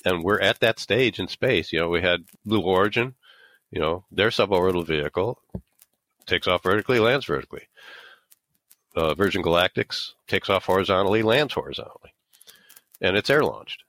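Very deep-voiced man explaining things. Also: lively intonation, moderate pace, fairly bright tone, no echo. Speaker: interview guest, author and former aerospace engineer. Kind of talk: explanatory interview talk.

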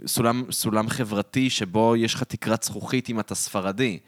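An Israeli man with a lowish voice talks casually on a podcast in a dry, close recording. His speech is colloquial and dotted with English words. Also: steady tone, dry recording. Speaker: podcast co-host. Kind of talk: casual conversation.

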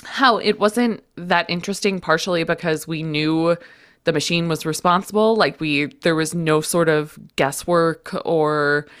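A congested woman co-hosting a podcast, chatting casually and steering the conversation in a relaxed, agreeable way. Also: low-pitched, a little slow, clean tone. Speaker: podcast co-host. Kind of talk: casual chat.

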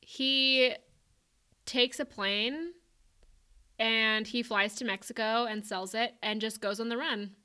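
Bright-voiced chatty woman podcaster. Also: fairly high pitch, slow, clean tone. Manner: chatty, animated retelling with frequent fillers. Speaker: podcast co-host. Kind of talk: casual book chat.

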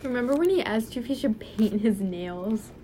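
A young woman with a somewhat high voice chats casually, teasing her friend and chiming in. Faint room noise hangs behind her. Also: lively intonation, moderate pace, warm tone. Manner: teasing, chimes in with laughs. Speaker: podcast co-host. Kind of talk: casual chat.

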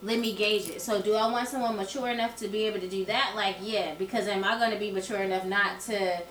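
A woman's voice: mid-range voice, fairly even intonation, fast, fairly bright tone. A woman co-hosting a casual podcast chat, blunt and profane as she lays out her view. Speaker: podcast co-host. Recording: echoey room.

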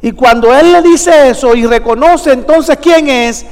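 A man preaching a sermon in a very high voice, pushing hard and calling out questions for his congregation to answer. His words ring out with a long echo through a large church. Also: a little slow. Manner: emphatic, calls out questions to the congregation. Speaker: pastor.

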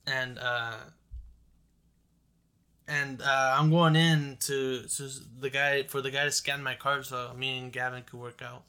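A man's voice: medium pitch, flat delivery, unhurried, pushed and bright, clear, resonant tone. A young man co-hosting a casual movie chat, rambling in frat-bro slang full of "like". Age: young adult. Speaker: podcast co-host.

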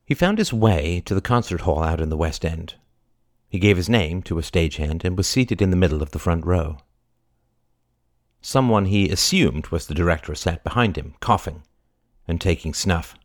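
A man narrating a historical novel in a measured, lyrical storytelling manner. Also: sits low, animated, dry recording, clean studio sound. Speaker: audiobook narrator. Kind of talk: scripted narration.

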